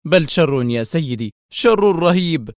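A man's voice: a little high, brisk, dry recording, studio quality, pitched above the performer's own voice, close to an everyday voice. Kowalski, a man voicing a fierce agitated officer. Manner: agitated, commanding, harsh. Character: tense, fierce male Russian intelligence officer.

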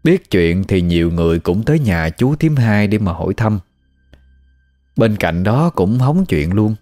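A man with a Southern Vietnamese accent tells a ghost story in a relaxed, folksy, conversational manner. His voice sits low and mellow, and quiet music plays underneath. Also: measured pace. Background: faint music.

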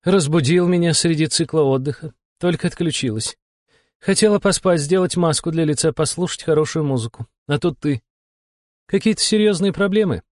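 A man voicing a weary, sarcastic female demon supervisor with a husky, irritated voice. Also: fairly high pitch, animated, moderate pace, a little mellow, no echo, studio quality, voice pushed up, lightly acted. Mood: irritated mocking. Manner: irritated, mocking, drawling. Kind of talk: audiobook character voice.

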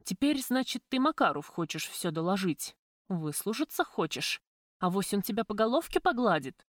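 A woman's voice: sing-song, normal speed, no room sound, studio quality, natural voice. Woman voicing Lyubka, a sarcastic defiant woman. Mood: scornful. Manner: sarcastic, pitched up and louder than the narrator. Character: sharp-tongued young woman, bold and defiant.

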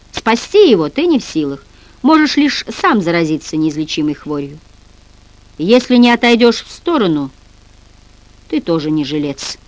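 A woman's voice: fairly low pitch, no echo, poor audio. Woman doing a stern older male villain, commanding, dry close read. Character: menacing older male privy councillor, cold villain.

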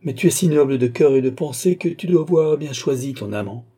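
A man's voice: medium pitch, expressive, brisk, dark tone, husky. A man voicing a furious, honor-bound young nobleman in a classic novel read aloud, declaiming his accusations and pleas. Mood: imploring. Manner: declamatory, wrathful then imploring.

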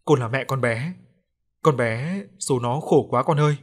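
A man's voice: mid-range voice, unhurried, husky. A man voicing a grieving middle-aged mother who pleads through tears. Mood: grief-stricken. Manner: tearful, pleading.

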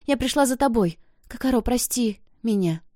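A woman's voice: a little high, expressive, normal speed, a little mellow, no echo, clean studio sound, voice pushed up, close to an everyday voice. A woman voicing a remorseful teenage girl who speaks through tears, in an audiobook. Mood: tearful. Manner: tearful, apologetic.

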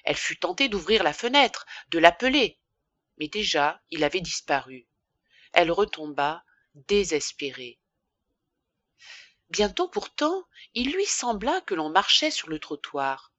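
A woman narrating a classic novel for an audiobook in an expressive, measured reading. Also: fairly low pitch, no room sound, lo-fi sound.

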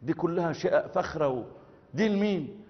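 A man's voice: fairly high pitch, expressive, moderate pace. A man voicing an awestruck Egyptian worshipper, asking wondering questions in an Egyptian Arabic accent. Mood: hushed amazement. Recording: echoey hall, dull lo-fi sound.

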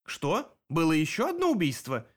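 A man reading an audiobook, voicing a sly, mocking male demon investigator who talks quickly. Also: a little high, huge pitch swings. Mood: probing.

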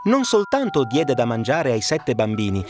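A man narrating a fairy tale, expressive and dramatic. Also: medium pitch, moderate pace. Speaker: storyteller. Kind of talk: storybook narration. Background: background music.

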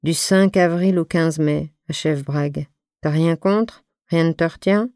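Woman reading a gruff male stage partner, calm, blunt, low dark voice. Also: a little slow, no room sound, studio quality. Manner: calm, never raises his voice.

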